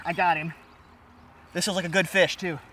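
A young man vlogging a fishing trip outdoors, talking in an animated way and exclaiming often. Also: high-pitched, moderate pace. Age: young adult. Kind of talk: excited outdoor vlog commentary. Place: outdoors by a river and creek. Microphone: action camera on the body and at arm's length. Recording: faint outdoor noise from an action camera.

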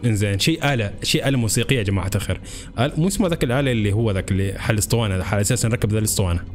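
A young man commentating his horror game play to viewers, excitable and chatty. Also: on the low side, racing, faint music behind. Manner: excitable, talks to viewers as brothers. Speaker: gaming channel host.

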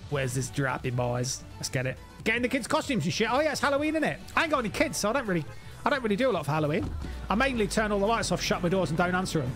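A man's voice: high voice, very animated, very fast, a bit bright, soft background music. A man livestreaming a game, chatting casually with viewers, joking and swearing. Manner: jokey, greets chatters by name, swears. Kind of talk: casual gaming stream chat.

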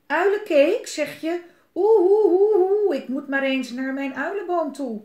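A woman voicing a hungry owl in a children's storybook, with a high, hooting, shrill voice. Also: sing-song, a little slow, a little mellow. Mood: alarmed. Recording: roomy echo.

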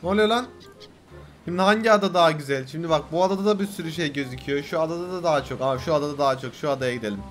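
A young man narrating his own gameplay in a high, bright, sharp voice. He talks loudly, swears a lot and bursts into shouts, with faint music playing behind him. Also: very fast. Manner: loud, swears often, bursts into yelps and shouts. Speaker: gaming video host. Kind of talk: excitable gameplay commentary.

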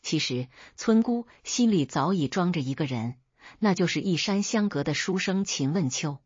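A woman narrating folk tales as a storyteller, in a steady, even reading. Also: on the low side, moderate pace, husky, dry recording. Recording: dull dry recording.

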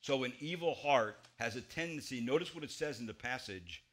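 A man in his forties, a pastor preaching an expository sermon in a church, with emphatic stresses and quiet low drops. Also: expressive, fairly quick. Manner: emphatic, gesturing widely, swings between loud stresses and quiet low drops. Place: church sanctuary at a pulpit.

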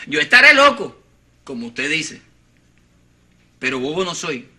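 A man's voice: fairly high pitch, sing-song, takes it slowly, sharp tone, husky, full character voice. An actor with a Cuban accent playing a stubborn, emotional stepfather who pleads and stammers. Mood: amused. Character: stubborn, wounded, devoted stepfather. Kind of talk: telenovela acting.

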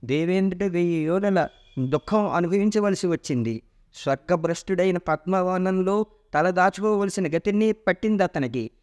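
A man voicing an old male creator god who calmly consoles and instructs the other gods in a mythological story reading. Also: sits high, normal speed. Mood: consoling. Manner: consoling, authoritative.

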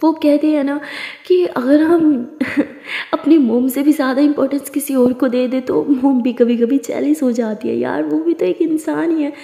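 High-voiced woman telling a love story. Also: steady tone, unhurried, vocal fry, dark tone. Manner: conversational narration with English words mixed in. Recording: echoey room with long reverb.

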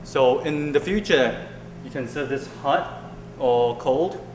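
This young adult from Singapore hosts a cooking show, chatting informally and hesitantly, with lots of ums, while he cooks in a large indoor kitchen far from the camera recording him. His mid-range voice is slow. The room sounds echoey, with a little hiss or hum.

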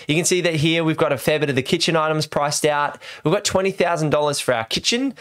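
An Australian man in his thirties hosts a home renovation video series, explaining things to camera in vlog style. He uses a desk microphone close to his mouth in a small room at home, and his voice is fairly high with a fairly bright tone.

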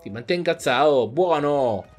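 A young gaming YouTuber with a fairly high, darkish voice offers jokey, relaxed let's-play commentary, speaking slowly but animatedly. Now and then he reads game lines aloud in playful voices. Game music sits faintly in the background.

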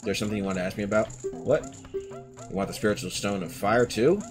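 A man's voice: fairly low pitch, brisk, close to an everyday voice. Darunia, a burly rock-creature chief, read out by a man. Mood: gruff bargaining. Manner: reading in-game text aloud in plain voice. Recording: game music playing behind.

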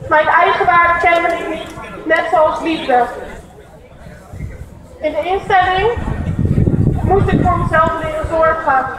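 A woman speaks at an outdoor demonstration, firm and defiant as she gives her testimony. Her voice is very high. It booms back through a heavily echoing loudspeaker. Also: fairly even intonation, takes it slowly, long pauses, noisy background. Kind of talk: personal testimony speech. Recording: very echoey outdoor PA sound.

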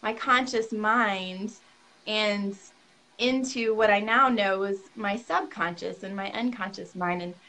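A woman's voice: medium pitch, takes it slowly, bright, forceful tone, rough recording. A woman hosting an interview over a video call, talking enthusiastically and laughing often. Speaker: workshop host, interviewer. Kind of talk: casual interview talk.

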